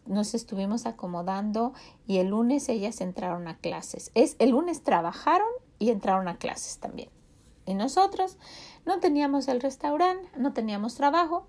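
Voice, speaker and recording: A woman's voice: a little high, darkish tone. Earnest woman with a Mexican accent preaching. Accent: Mexican Spanish. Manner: earnest, addresses listener directly with rhetorical questions. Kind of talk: devotional sermon talk.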